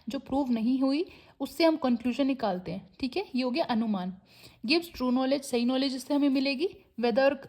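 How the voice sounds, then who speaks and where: Teaching an exam-prep class, a woman with a high, slightly mellow voice and an Indian English accent reads English definitions out slowly. She often adds a checking tag to her sentences.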